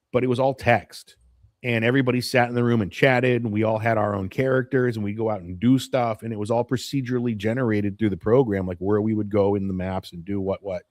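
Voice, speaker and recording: His fairly low, darkish voice stays fairly even in intonation and moves briskly, with studio quality and no room sound. This late-forties man chats with viewers on a morning live stream, nostalgic about how things have shifted and drifting off topic as he rambles.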